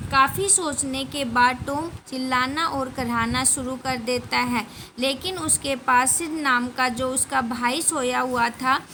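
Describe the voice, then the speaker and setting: A woman teacher slowly retelling a story in simple Hindi. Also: high-pitched, bright, forceful tone, slight background noise, rough recording. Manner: slow, careful storytelling.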